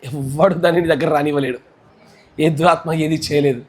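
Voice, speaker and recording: A high-pitched man with a Telugu accent preaches a sermon. His delivery is fervent, and it moves between loud, shouted exclamations and quieter, intense speech. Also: steady tone, brisk. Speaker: pastor.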